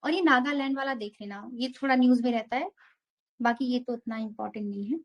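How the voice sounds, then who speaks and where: Young woman teaching exam geography, high voice, goes through the map bit by bit. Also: a little fast, lo-fi sound. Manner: explains step by step, mixing English terms into Hindi. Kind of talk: map-based geography lesson.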